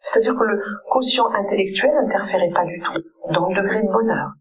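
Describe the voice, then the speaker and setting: A woman's voice: medium pitch, brisk, rough recording. A woman child psychologist giving an earnest conference lecture and often checking in with her audience.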